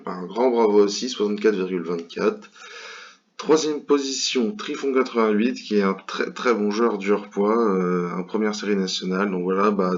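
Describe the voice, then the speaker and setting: A man's voice: on the low side, muffled recording. A man from France commentating an online bridge tournament in a casual, hesitant way, with many fillers and restarts.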